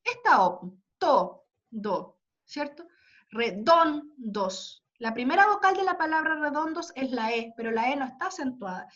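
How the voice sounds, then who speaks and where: A woman teacher with a high voice leads an online class over dull, lo-fi video call audio. She explains patiently, point by point, and keeps checking with quick tag questions that everyone is following. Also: expressive, fairly bright tone. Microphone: computer mic on a video call.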